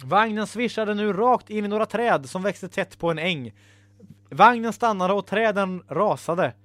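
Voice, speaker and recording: A man's voice: sits high, a bit bright, no echo. A man reading a story he wrote aloud, laughing now and then at his own lines.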